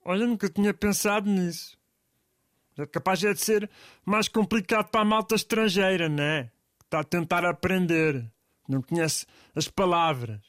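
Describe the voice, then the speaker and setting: A man's voice: high voice, moderate pace, a bit bright, dry recording, clean studio sound. A man with a European Portuguese accent in comic scripted banter, asking puzzled questions and giving in easily.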